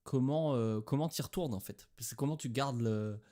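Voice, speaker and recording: Male podcast co-host, mid-pitched, relaxed banter, crude humor. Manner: crude joking, quick reactions. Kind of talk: casual chat.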